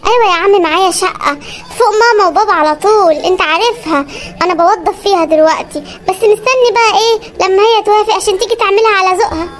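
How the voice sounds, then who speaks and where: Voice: extremely high pitch, a bit bright. A performer voicing a persistent young suitor in a comedy cartoon, pleading and boastful in Egyptian Arabic. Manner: pleading, boastful, chipmunk-fast. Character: persistent young man suitor, tuk-tuk driver.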